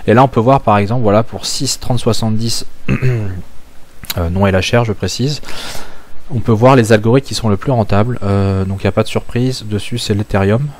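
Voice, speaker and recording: A man's voice: on the low side, normal speed, darkish tone. A man from France explaining a topic in a casual screen-share tutorial, thinking aloud with many filler sounds. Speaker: crypto mining channel host.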